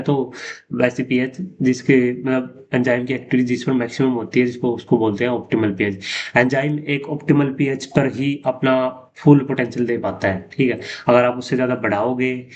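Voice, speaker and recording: A man of ordinary pitch teaching lab-technology exam questions, explaining patiently and dropping a reassuring "theek hai" after nearly every point while mixing English terms into his Hindi. The recording is a bit dull and lo-fi, with a faint hiss underneath. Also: darkish tone. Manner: repeats "ठीक है" often, mixes Hindi and English terms. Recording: dull lo-fi sound with faint noise.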